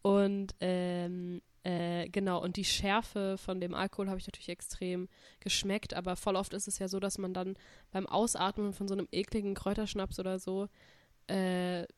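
A woman's voice: mid-range voice, flat delivery, moderate pace, clean tone, dry recording. A young woman chatting casually as a podcast co-host, rambling and slangy, mildly sick with a stuffy nose. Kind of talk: casual chat.

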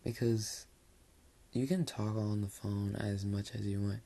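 Unhurried and gravelly, with a voice on the low side, a young man rambles sleepily and dryly through his casual late-night solo podcast. He sits on his bed in his bedroom, relaxed and leaning on lots of fillers, while a faint hiss lingers in the background.

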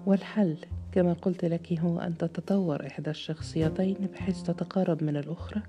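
A woman voicing a calm, condescending middle-aged male psychiatrist who speaks in a cool, measured, lecturing way. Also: on the low side, music in the background, close to an everyday voice.

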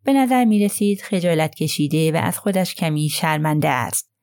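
A woman narrating a crime novel audiobook in a steady, measured reading voice. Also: low-pitched, dry recording, studio quality. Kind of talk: scripted narration.

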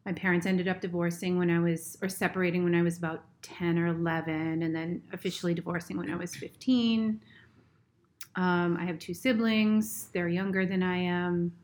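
A woman's voice: fairly low pitch, fairly even intonation, moderate pace, darkish tone. A middle-aged woman from Massachusetts speaking as a nurse in a casual interview, earnest and hesitant, with many ums and restarts. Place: family home.

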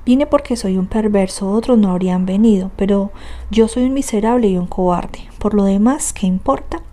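A woman's voice: mid-range voice, normal speed, mellow, close to an everyday voice. A woman reading the part of a tormented, guilty young man, speaking in an anguished, brooding confessional tone. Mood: despairing.

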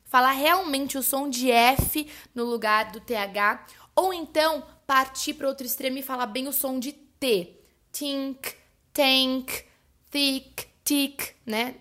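A Brazilian woman with a Brazilian Portuguese accent talks through a podcast lesson in a chatty, friendly register, her voice sitting a little high. She keeps checking in with her listeners and slows right down whenever she models an example word. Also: a bit bright. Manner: chatty, addresses listeners as "gente", frequent "né?" and "tá bom?"; models English words slowly and carefully. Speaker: English teacher and podcast host. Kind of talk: casual explanatory lesson.

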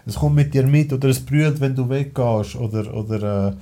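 A man's voice: mid-range voice, normal speed, mellow. A man with a Swiss German accent talking as a podcast guest, rambling and blunt, with many restarts and fillers. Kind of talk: casual personal conversation.

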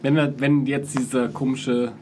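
A man's voice: medium pitch, level tone, normal speed. Playful questioning man, noisy podcast. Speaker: podcast co-host. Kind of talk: casual chat. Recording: noisy home recording.

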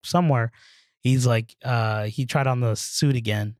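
Brief: casual excitable male co-host, mid pitch, close dry sound. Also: a little slow, no room sound. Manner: excitable, rambling, many fillers. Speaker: podcast co-host. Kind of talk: casual chat.

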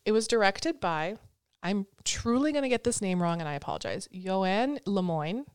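A woman's voice: mid-range voice, lively intonation, normal speed, smooth, dry recording. Female podcast host, casual, giggly, filler-heavy, dry recording. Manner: chatty, giggly, trails off with fillers. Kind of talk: casual chat, reading notes.

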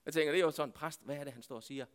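A man preaching a sermon, swinging between loud impassioned calls to God and hushed, quiet passages. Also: a little high, smooth. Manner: impassioned, calling out to God, then dropping to hushed tones. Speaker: pastor.

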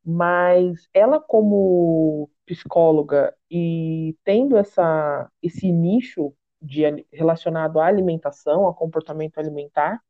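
A woman's voice: deep voice, unhurried, few pauses. A woman podcast host with a Brazilian Portuguese accent, chatting casually with a guest, self-deprecating and full of restarts. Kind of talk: casual chat. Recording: tinny phone-like sound.

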